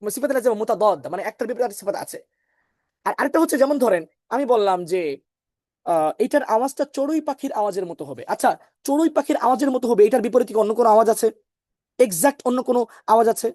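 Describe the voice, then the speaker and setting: A woman's voice: a little high, mellow, no room sound, studio quality. A woman teaching an online class on Quran recitation, explaining patiently, repeating her points and asking the students questions.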